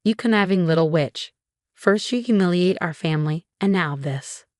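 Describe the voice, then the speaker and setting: A woman voicing a haughty, spiteful mother-in-law who hurls shrill insults, in a low voice. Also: lively intonation, normal speed, darkish tone, dry recording, studio quality, lightly acted.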